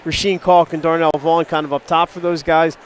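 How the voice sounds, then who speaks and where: A man's voice: a little high, little pitch movement, brisk, slight background noise. Nasal, stuffed-up male basketball announcer. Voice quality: nasal, stuffy, as if pinching his nose. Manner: chatty, joking asides. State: under the weather with a stuffy nose. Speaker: play-by-play sports announcer. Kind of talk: live high school basketball commentary. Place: indoor school gymnasium. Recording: gym crowd and bouncing basketballs behind.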